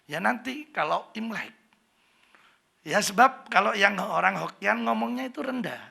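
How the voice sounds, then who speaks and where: A middle-aged pastor with a Javanese accent delivers a joking, chatty sermon and keeps putting questions to his congregation. His voice sits high for a man and has a gravelly fry running through it. The tone is very bright and sharp. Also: expressive, normal speed. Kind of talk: humorous church sermon.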